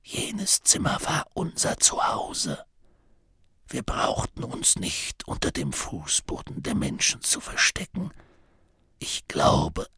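A man voicing a frail, dying old gnome abbot who can barely speak above a breathy whisper. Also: deep voice, sharp tone, no room sound, pitched below the performer's own voice, exaggerated voice. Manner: faint breathy whisper, weary and dry-witted.

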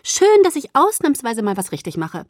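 A woman voicing a cheerful, teasing young female vampire in an audiobook, with a raised, bubbly voice and a breathy tone. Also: sits high, huge pitch swings, normal speed, a little mellow, dry recording, clean studio sound, voice pushed up, heavily acted. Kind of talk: audiobook character voice.

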